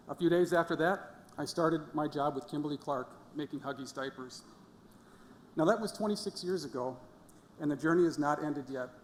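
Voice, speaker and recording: Commencement speaker, middle-aged man, storytelling with playful asides, long hall reverb and faint room noise. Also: a little high. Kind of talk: commencement speech. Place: large fieldhouse hall.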